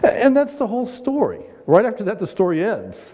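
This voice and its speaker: A man's voice: high-pitched, brisk, slight background noise. A man preaching a sermon as a guest speaker, in a casual, conversational way with frequent chuckles. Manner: conversational, chuckling, animated when quoting Peter. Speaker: guest pastor. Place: church sanctuary. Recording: long reverb in a church hall.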